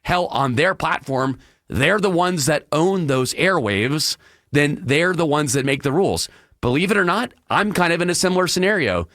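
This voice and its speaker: A male radio talk show host with a hoarse, congested, frog-throated voice, projecting hard from the diaphragm in an emphatic, opinionated solo monologue from a radio studio. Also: expressive, normal speed, fairly bright tone, dry recording. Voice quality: deeper than usual, frog-throated.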